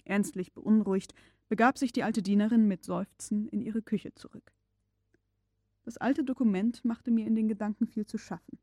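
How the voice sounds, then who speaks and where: A woman narrating an audiobook in a calm, measured storytelling voice, recorded close on a studio microphone. Her pitch sits in a middle register, and the sound is dry with no room echo. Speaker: audiobook reader. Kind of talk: scripted narration of a classic novel.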